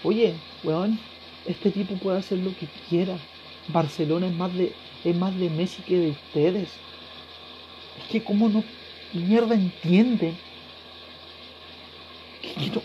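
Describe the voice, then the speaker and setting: A tearful man with a Chilean accent hosting a solo podcast, ranting passionately and swearing, his voice swinging from loud to hushed. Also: sits high, takes it slowly, pauses often, slight background noise. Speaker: podcast host. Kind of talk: emotional solo podcast rant. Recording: dull lo-fi recording.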